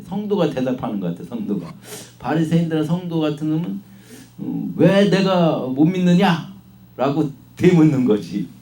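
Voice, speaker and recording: A man giving a sermon at an unhurried pace with many hesitation fillers, now and then acting out questioning voices. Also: mid-range voice, mellow, distant mic. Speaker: preacher. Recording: echoey room, voice from off-mic.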